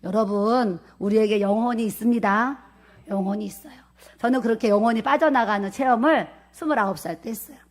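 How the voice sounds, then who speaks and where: A woman's voice: fairly high pitch, fairly quick. A woman pastor preaching a sermon in a church, telling a personal story vividly and urging her listeners earnestly. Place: church sanctuary.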